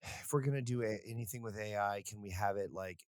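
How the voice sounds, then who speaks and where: Podcast co-host, male, low-ish voice, rambly and animated, dry close mic. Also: a little fast, dry recording. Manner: rambling, animated storytelling with frequent asides. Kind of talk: casual chat.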